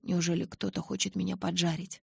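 A woman reading a novel aloud in a dramatic, intense way, with a husky voice. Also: on the low side, flat delivery, a little fast, darkish tone, dry recording, clean studio sound. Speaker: audiobook reader. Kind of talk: scripted narration.

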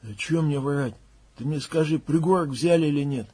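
A man voicing a sullen, starving male camp leader who mutters flatly and evasively. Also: normal speed, husky. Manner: flat, muttering, low.

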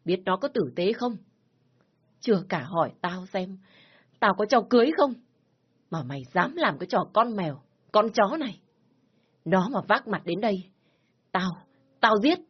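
A woman voicing a stern, domineering older father who shouts and scolds harshly, in a spoken story. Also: medium pitch, sing-song, moderate pace, long pauses, husky, muffled recording. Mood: furious shouting.

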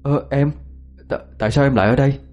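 A man's voice: mid-range voice, steady tone, fast talker, darkish tone, pitched above the performer's own voice, close to an everyday voice. Male narrator doing hot-tempered young villager, snaps and stammers, music faint behind. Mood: flustered.

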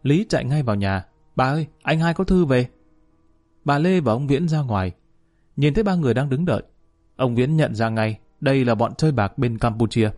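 A man narrating a story in an even, storytelling manner. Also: mid-range voice, a little fast, soft background music.

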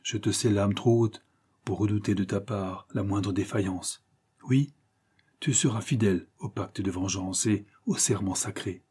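A man voicing a loyal young brother speaking earnestly. The husky, dark voice urges gently, sincere and steady. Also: on the low side, a little slow. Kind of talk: audiobook character reading.

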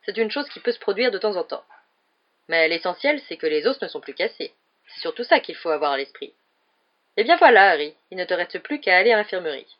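A woman voicing a vain, overconfident adult male teacher in an audiobook reading, speaking loudly and with great self-assurance. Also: on the low side, very animated, a little fast, muffled recording. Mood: pompous. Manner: loud, brassy and self-assured.

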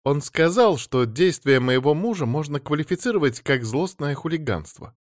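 A man voicing an agitated woman phoning the police, talking fast and pleading, then furious. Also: on the high side, animated, no room sound, clean studio sound, voice pushed up, lightly acted. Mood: worried, rambling. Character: agitated middle-aged woman caller, shrill and indignant.

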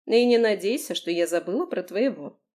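A woman's voice: mid-range voice, animated, moderate pace, a little mellow, natural voice. A woman voicing a cheerful young woman friend who draws out her words.

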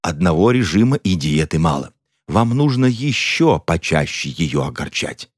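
A man's voice: low-pitched, very animated, normal speed, no room sound, studio quality. A man reading an audiobook voices a woman who runs a beauty institute, speaking decisively. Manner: decisive, businesslike.

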